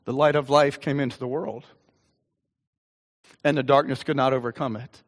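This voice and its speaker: An older male pastor delivers a sermon that is earnest yet conversational, giving scripture readings real emphasis. He speaks at medium pitch, steadily and at normal speed, and the church hall around him adds a long reverb.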